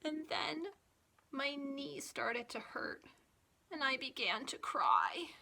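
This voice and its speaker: A children's librarian, a woman whose voice sits high and sounds gravelly, reads a picture book aloud for young listeners with expressive, deliberate storytime pacing.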